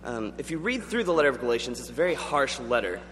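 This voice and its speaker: A man's voice: mid-range voice, very animated, fast, a bit bright. A young man giving an earnest, conversational chapel talk with frequent ums. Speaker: student chapel speaker. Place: large chapel auditorium. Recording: long hall reverb, faint hum.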